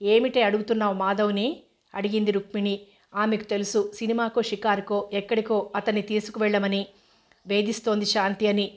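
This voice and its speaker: A woman narrating a novel in a steady, even reading voice. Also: medium pitch, fairly quick. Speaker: audiobook narrator.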